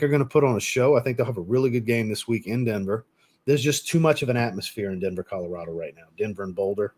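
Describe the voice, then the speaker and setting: A man chatting off the cuff on a live stream, rambling from point to point with a middling voice. He is blunt and swears casually, and he often restarts or repeats a phrase as he goes. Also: mid-range voice. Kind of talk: casual live chat commentary.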